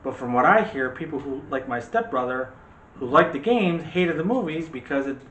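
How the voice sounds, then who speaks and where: Co-hosting a movie discussion show, a man chats casually in a jokey, digressive way. His voice sits on the high side, animated and fairly bright, at a moderate pace. The recording has a roomy echo and faint background noise.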